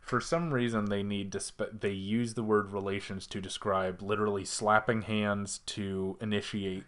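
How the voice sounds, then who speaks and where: A man's voice: on the low side, level tone, normal speed, a bit bright. A man co-hosting a podcast, recounting anime scenes with wry, dry remarks in a casual review chat. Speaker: podcast co-host.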